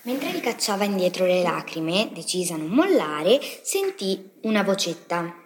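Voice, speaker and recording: A woman narrating a children's story with expressive storytelling. Her voice sits lower than most women's. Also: normal speed, slight background noise.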